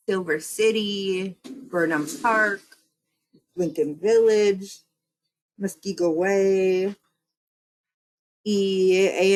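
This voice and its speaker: A woman with a mid-range voice, who serves as a county supervisor and state representative, answers interview questions and explains things step by step in lists.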